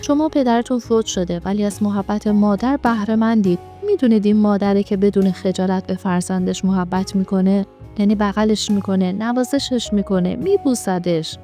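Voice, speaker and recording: A cheeky young man who jokes his way through everything , read by a woman in her own mid-pitched voice. His banter is teasing and playful, with faint music in the background. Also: mellow, close to an everyday voice. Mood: earnest.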